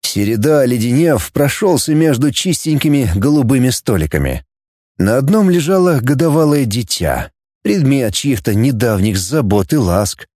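Expressive male audiobook narrator. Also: mid-range voice, normal speed, dry recording, studio quality. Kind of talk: scripted narration.

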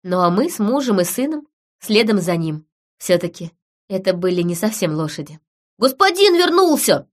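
A woman narrating a story in the first person with even storytelling. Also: fairly low pitch, moderate pace. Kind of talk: scripted narration.

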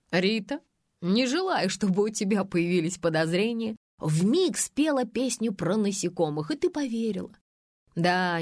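A woman's voice: mid-range voice, a little mellow, no echo, clean studio sound. A woman reading a teasing, laughing male friend who mocks the narrator. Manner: teasing and mocking.

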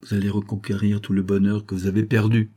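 A man reading an audiobook, voicing a scheming female adventuress who speaks with false gentleness and coaxing persuasion. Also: mid-range voice, normal speed, breathy edge, pitched above the performer's own voice, close to an everyday voice.

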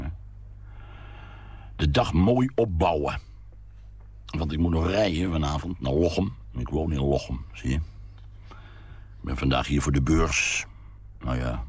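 A man's voice: a bass voice, creaky, slightly rough, exaggerated voice. A man voicing a weary, wistful drinking man of about fifty who mumbles and rambles, humming to himself, in a read-aloud story.

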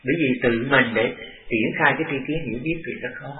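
Older male monk, halting dharma talk; distant, tinny, echoey tape. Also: medium pitch, crowd noise. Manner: halting and deliberate, repeating phrases. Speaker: monk teacher.

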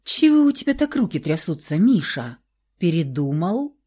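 A woman voicing a hot-tempered young woman who is frantic and stubborn, with shrill, hysterical outbursts, in an audiobook reading. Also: big pitch swings, normal speed, warm tone, breathy edge. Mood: needling.

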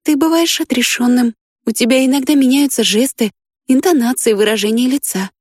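A woman voicing a gentle, anxious young girl in an audiobook, speaking softly with a raised, pleading voice. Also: high-pitched, a little fast, dry recording, clean studio sound, voice pushed up. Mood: anxious tender. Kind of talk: audiobook character voice.

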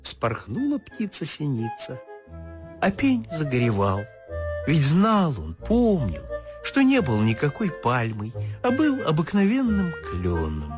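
A woman narrating a children's fairy tale in a lively, expressive way. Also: sits low, takes it slowly, music in the background. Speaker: storyteller.

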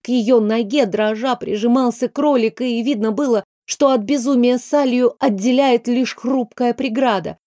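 A woman reading a novel aloud as an audiobook narrator, in a measured storytelling manner. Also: a little high, mellow, no room sound, clean studio sound. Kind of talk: scripted narration.

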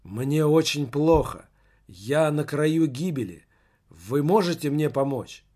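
A man's voice: on the high side, animated, takes it slowly, dark tone. A man reading an audiobook, voicing a tired, despairing teenage boy who calls himself a failure. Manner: tired, self-pitying.

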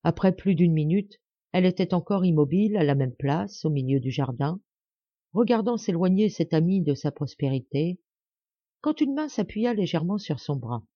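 A woman's voice: fairly low pitch, animated, moderate pace, husky, no echo, highs cut off. Woman reading an audiobook, dry sound. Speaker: audiobook reader. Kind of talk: audiobook narration of a classic novel.

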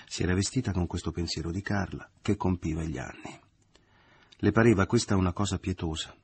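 A man narrating a novel in a measured literary reading. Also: deep voice, husky, dry recording. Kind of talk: audiobook reading.

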